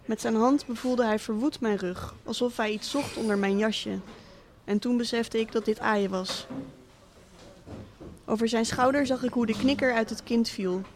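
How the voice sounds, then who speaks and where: A woman reading a literary monologue as a cynical, wealthy absent father, speaking in a dry, deliberate, sardonic way. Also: on the high side, steady tone, a little hiss or hum, lightly acted. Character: cynical rich middle-aged father, absent tycoon.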